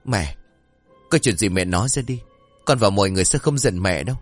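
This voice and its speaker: A man's voice: lowish voice, lively intonation, a little fast, no echo, soft background music. Tearful young daughter, devoted and anxious, sobbing pleas, read by a man, dry close sound. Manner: sobbing, urgent.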